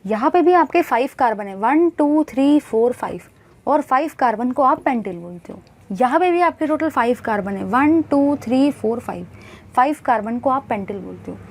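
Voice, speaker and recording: A woman's voice: high voice, animated, normal speed. A woman teaching a chemistry class, asking questions and answering them herself, calling the students bhai and guys.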